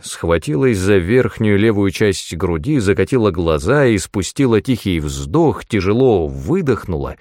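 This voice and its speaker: Brief: male audiobook narrator, low voice, very animated delivery, dry close recording. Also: dry recording. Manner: expressive, dramatic storytelling. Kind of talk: scripted first-person fantasy narration.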